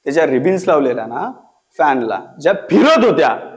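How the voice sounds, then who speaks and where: A man's voice: fairly high pitch, moderate pace. A young man telling family stories as a stand-up comedian, acting out relatives in raised voices. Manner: animated, acts out family members in raised voices. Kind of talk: stand-up storytelling.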